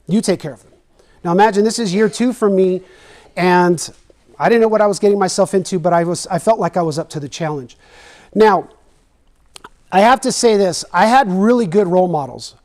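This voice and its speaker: A man's voice: high-pitched, a little fast, a little mellow. A middle-aged man from Texas, an educator telling a personal story in a presentation, earnest and emotional, repeating phrases for emphasis.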